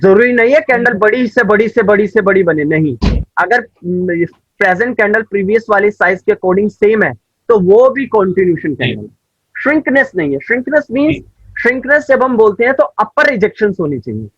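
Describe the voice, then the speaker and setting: A man's voice: high-pitched, expressive, moderate pace, fairly bright tone, slightly rough, dry recording, highs cut off. A man teaching a trading class over a video call, explaining step by step and often checking that his student understands. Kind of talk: live online class.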